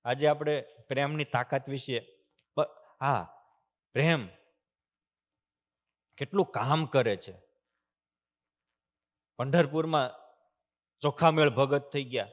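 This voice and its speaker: A man giving a temple sermon. He tells devotional stories, chants verses, and moves between loud emphasis and soft hushed passages. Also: medium pitch, takes it slowly, pauses often. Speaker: swami giving a discourse. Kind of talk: sermon with storytelling. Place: temple hall.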